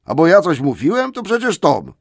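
A man's voice: sits low, steady tone, slow pace, gravelly, no room sound, clean studio sound, heavily acted. A man voicing a dim, grumbling male troll with indignant outbursts.

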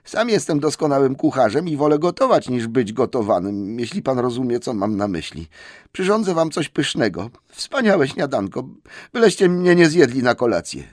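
A man's voice: mid-range voice, very animated, normal speed, no room sound, studio quality, voice pushed up. A man voicing a small, timid male hobbit who pleads breathlessly in a storybook reading. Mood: pleading.

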